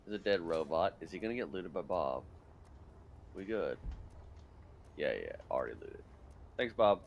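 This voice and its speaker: Deep-voiced excitable gamer man. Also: highs cut off, slight background noise. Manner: excitable, swearing, quick jokes, stammering restarts. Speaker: gamer streaming with friends. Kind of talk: casual gaming banter.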